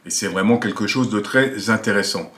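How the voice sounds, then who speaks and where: In a small attic home office, a man hosting an amateur radio video gives a casual tutorial. His voice is fairly low and a bit bright, his pace moderate, and he explains things conversationally with frequent tag words.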